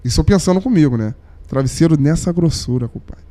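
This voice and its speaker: A young man with a fairly high, mellow voice, telling a personal story on a podcast. His talk is slangy and heartfelt, and it sinks almost to a whisper at the tender moments. The delivery feels like an unscripted chat among friends. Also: lively intonation, fast talker. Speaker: podcast guest, saxophonist. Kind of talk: emotional storytelling in casual chat.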